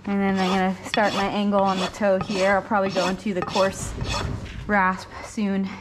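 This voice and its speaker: In an indoor barn with a concrete floor, a young woman gives a casual hands-on hoof trimming tutorial, thinking aloud in short, halting phrases. Her mid-range voice stays monotone while filing, scraping and clattering tools come through clearly.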